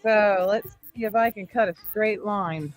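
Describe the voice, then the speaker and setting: Slow-talking woman hosting a craft sale. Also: mid-range voice, soft background music. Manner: chatty, rambling with fillers. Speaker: online craft sale host. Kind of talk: casual live-stream selling.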